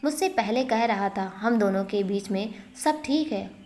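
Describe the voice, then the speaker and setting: A woman's voice: mid-range voice, a little slow, darkish tone, natural voice. Brief: woman narrator doing an upset young woman pressing for answers. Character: young woman, hurt and questioning.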